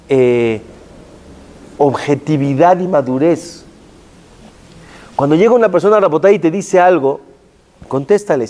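A man, a rabbi giving a sermon, telling the story with lively rhetorical questions to his listeners and Hebrew terms mixed in. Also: sits high.

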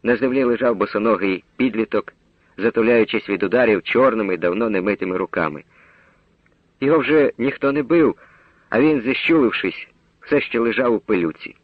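A man's voice: on the low side, fairly quick, no echo, phone-quality sound. A man narrating a literary audiobook, voicing the villagers and soldiers in the dialogue by raising his voice. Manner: acts out villagers and soldiers with raised voice.

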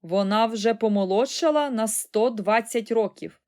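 Showy eccentric old man voiced by a woman, crisp, loud, very sure of himself. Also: a little high, measured pace, lightly acted. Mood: brisk announcing. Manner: crisp, announcing, self-assured.

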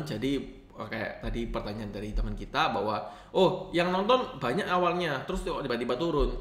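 A young man explains things in a casual tutorial tone. His pitch sits in the middle, with lively rise and fall, and he keeps turning to his viewers. The recording has a roomy echo. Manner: lively rising and falling intonation, addresses viewers often. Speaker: host of a channel teaching live streaming.

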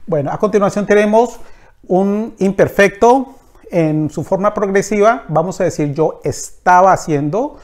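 A man teaching a language lesson, reciting verb conjugations in a slow, deliberate way. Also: sits high, darkish tone. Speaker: Spanish teacher.

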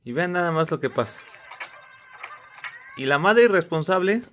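A man giving comedic reaction commentary on video clips, teasing and animated. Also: a little high, normal speed, faint music behind. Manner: animated, mocking, bursts into shouts and laughter.

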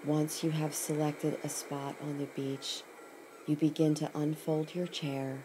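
A woman with a notably low voice and little pitch movement leads a scripted guided meditation, speaking very slowly and soothingly and pausing between each short phrase. Ocean sounds and clear ambient noise run throughout.

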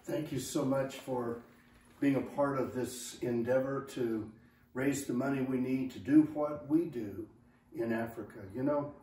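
Mellow man giving grateful thanks. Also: medium pitch, fairly even intonation, unhurried. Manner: grateful, earnest. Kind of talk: thank-you speech. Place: living room, indoors. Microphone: far camera. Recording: roomy, distant camera audio with faint noise.

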